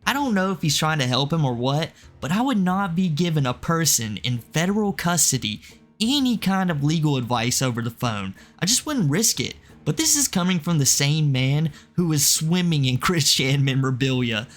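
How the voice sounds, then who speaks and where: A man's voice: a little high, sing-song, moderate pace, faint music behind. A man hosting video commentary in a sarcastic, mocking way. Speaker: commentary host.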